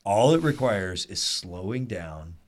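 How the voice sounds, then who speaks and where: A man leading a small group Bible study, telling the story earnestly and lively with asides to the group. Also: lowish voice, a little slow. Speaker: Bible teacher.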